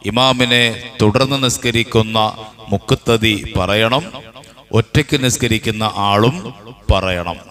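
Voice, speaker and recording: A man with a Kerala Malayalam accent gives a slow, measured religious lesson in a bright, forceful voice. He repeats each rule and answers his own questions. His pitch sits in the ordinary middle range for a man. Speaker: religious teacher. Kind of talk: Islamic jurisprudence lesson.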